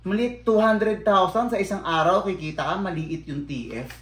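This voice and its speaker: A man in a casual vlog, ranting bluntly and swearing freely, swinging between mumbled low asides and loud outbursts. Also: moderate pace, roomy sound, soft background music. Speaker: vlogger.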